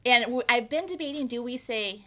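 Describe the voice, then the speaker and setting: A woman co-hosting a casual podcast chat, animated, laughing often and talking with lots of fillers. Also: fairly high pitch, fairly quick. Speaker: podcast co-host.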